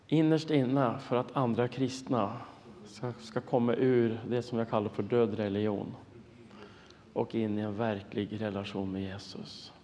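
A man in his fifties, a pastor, giving an earnest, emotional sermon testimony and dropping to a hushed voice for prayers. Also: medium pitch, in a large hall. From Norway and the United States.

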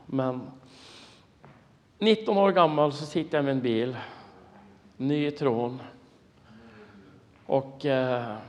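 A man in his fifties, a pastor, giving an earnest, emotional sermon testimony and dropping to a hushed voice for prayers. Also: mid-range voice, long pauses, big-room sound. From Norway and the United States.

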